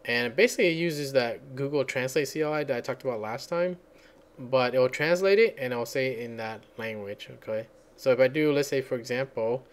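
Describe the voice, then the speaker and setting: A man's voice: medium pitch, clean tone. A man hosting a casual screencast tutorial, rambling and thinking aloud as he searches for words. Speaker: software tutorial host. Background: computer keyboard typing.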